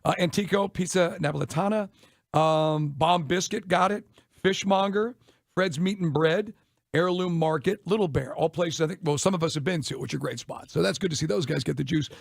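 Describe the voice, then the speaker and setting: An American man hosting a radio show in casual, chatty, opinionated talk with an animated manner. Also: fairly high pitch, moderate pace, creaky, dry recording, studio quality. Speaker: sports radio host. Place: radio studio. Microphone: close broadcast microphone.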